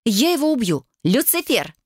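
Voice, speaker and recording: A woman's voice: fairly high pitch, animated, dry recording, studio quality, voice pushed up, natural voice. A woman voicing a brash, mocking young witch with a breezy, teasing manner. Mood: furious. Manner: teasing, breezy, quick to yell. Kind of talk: audiobook character voice.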